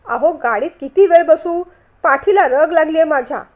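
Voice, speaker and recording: A talkative middle-aged woman who grumbles about her troubles, as a woman narrator puts her on. She speaks with a high, busy voice. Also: normal speed, darkish tone, close to an everyday voice. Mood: fussy.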